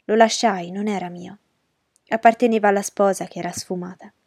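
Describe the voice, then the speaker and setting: Woman telling her own story in a drama, mellow dark voice, dry close mic. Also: medium pitch, fairly even intonation, a little fast, husky, no echo. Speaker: narrator and heroine. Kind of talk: dramatic first-person narration.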